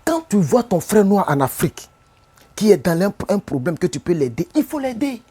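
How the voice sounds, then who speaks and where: High-pitched and husky yet warm, this Ivorian man's voice swings widely in pitch while keeping a moderate pace. Chatting casually on a live stream with an Ivorian French accent, he often repeats himself and keeps checking, through rhetorical questions, whether his viewers are following.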